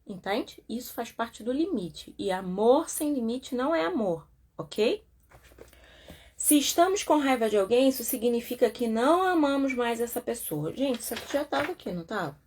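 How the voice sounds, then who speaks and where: A woman's voice: on the high side, big pitch swings, moderate pace, a little mellow, husky. A Brazilian woman therapist comments on a self-help book in a chatty way, with frequent tag questions and acted-out quotes. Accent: Brazilian Portuguese.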